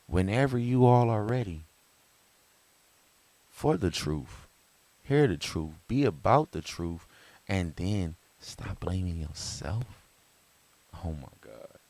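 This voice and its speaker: A man talking to camera in a casual motivational monologue, rambling with restarts and chuckles, swinging from loud high bursts to soft low murmurs. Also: lively intonation, slow pace, long pauses, no echo. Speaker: vlogger.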